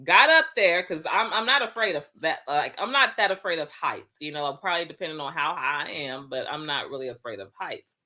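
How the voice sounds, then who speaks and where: A woman hosts a relaxed talk show, chatting with listeners in slangy, animated speech. Her voice is bright and forceful. It sits slightly low for a woman. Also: brisk. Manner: animated, slangy, acts out quoted friends. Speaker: host. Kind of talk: casual chat reading listener comments.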